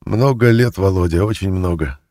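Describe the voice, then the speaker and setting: A man voicing a brash, streetwise male thief in prison who talks loud and demanding. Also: low-pitched, moderate pace. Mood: cocky.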